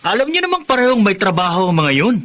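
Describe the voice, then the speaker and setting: An actor playing a brusque, impatient grown son in a Tagalog radio drama. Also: male voice, high-pitched, big pitch swings, quick pace, a bit bright. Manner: brusque, dismissive.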